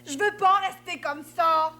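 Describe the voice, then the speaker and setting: Stubborn playful friend. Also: female voice, extremely high pitch, measured pace, sharp tone, faint music behind, heavily acted. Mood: insistent. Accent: Québécois French. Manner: emphatic, insistent. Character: playful young woman, a bit stubborn. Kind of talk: children's TV acting.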